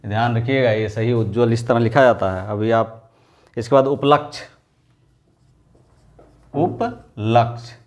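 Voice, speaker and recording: A man teaching an exam-prep lesson, repeating each word and firing off quick rhetorical questions in an informal, coaxing way. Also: mid-range voice, darkish tone. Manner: drills words by repetition, asks quick rhetorical questions.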